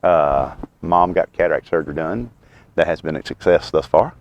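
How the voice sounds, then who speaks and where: A man in his mid fifties with a Southern US accent, chatting in a folksy, unhurried, wryly humorous way around a pipe as he hosts a rambling outdoor vlog. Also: rumbling low, muffled recording. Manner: talks while puffing on a pipe. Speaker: host of a homestead and birdwatching channel. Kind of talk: rambling casual vlog chat.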